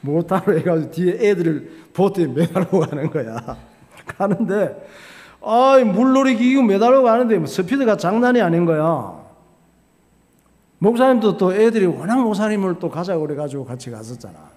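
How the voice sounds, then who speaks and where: A man preaching in a church, his fairly high voice rising and falling with lively, animated inflection. He tells stories in a homely, conversational way and answers the questions he puts to the congregation. The sound carries a long reverb from the sanctuary. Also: moderate pace. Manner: folksy storytelling, asks and answers his own questions. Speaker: pastor. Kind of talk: sermon.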